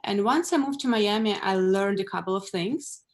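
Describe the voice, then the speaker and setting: A woman from Russia with a Russian accent, doing a stand-up set over a video call in a deadpan, blunt way, laughing at her own jokes. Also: mid-range voice, normal speed. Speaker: stand-up comedian.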